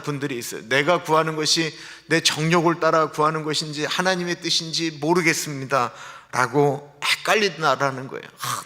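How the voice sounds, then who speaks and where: In a reverberant church hall, a livestreamed early-morning sermon comes from a male pastor whose voice is on the high side and sharp in tone. He keeps it conversational, putting rhetorical questions to the congregation.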